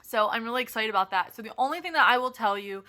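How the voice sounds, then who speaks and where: A young woman reviewing snacks in a casual vlog, chatty and excitable, with lots of fillers and restarts. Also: on the high side, fast, a little hiss or hum. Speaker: product reviewer.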